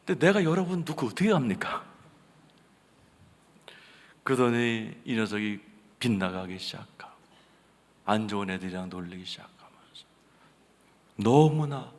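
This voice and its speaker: Pastor guy preaching a sermon, storytelling with loud bursts and near-whispers, big echoey church sound. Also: lowish voice. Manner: animated storytelling, shifting between loud and hushed. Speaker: senior pastor. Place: large church sanctuary. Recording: reverberant church hall.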